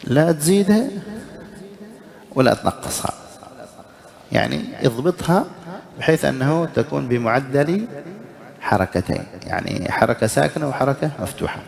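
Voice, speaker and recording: A man teaching a recitation lesson as a sheikh, explaining each error, chanting the examples slowly and putting short questions to the listeners. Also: mid-range voice, animated, vocal fry, darkish tone. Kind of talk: religious lesson.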